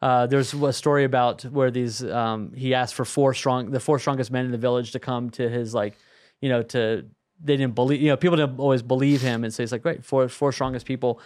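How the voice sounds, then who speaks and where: A man co-hosting a podcast, telling stories in a casual, animated way. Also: medium pitch, a little fast. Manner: animated storyteller, chuckles through anecdotes. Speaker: podcast co-host.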